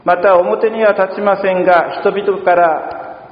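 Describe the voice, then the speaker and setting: Unhurried priest preaching in a roomy church. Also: male voice, sits high. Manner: calm, measured preaching with long pauses. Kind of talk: sermon. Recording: dull, roomy church sound from a distance.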